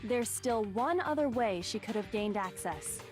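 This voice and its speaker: A woman playing a composed teenage girl detective in an anime game, calm, confident and cryptic. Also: fairly high pitch, measured pace, music in the background. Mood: calm confidence. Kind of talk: dubbed anime game acting.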